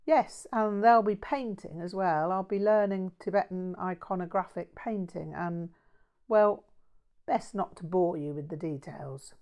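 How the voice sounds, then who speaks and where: Woman as a measured, bookish, earnest man. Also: fairly low pitch, muffled recording. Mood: mild, earnest. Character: mild, erudite Buddhist man, earnest and wordy.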